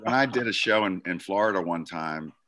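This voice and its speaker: A man chatting casually on a fitness talk show, telling lively food stories. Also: low voice, brisk. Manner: animated storyteller, food anecdotes. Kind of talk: casual chat.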